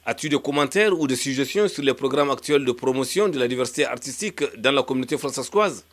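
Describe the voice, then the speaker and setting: A man hosting an interview, reading out his questions quickly. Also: mid-range voice, expressive, no room sound. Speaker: interview host.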